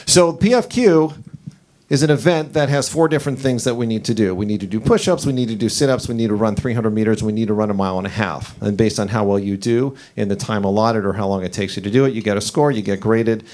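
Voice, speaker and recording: A man in his forties performing a stand-up comedy set, telling stories in an animated way with his voice rising as the story builds. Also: fast talker. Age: 40s. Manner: animated storytelling, pitch climbing as the story heats up. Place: comedy club stage.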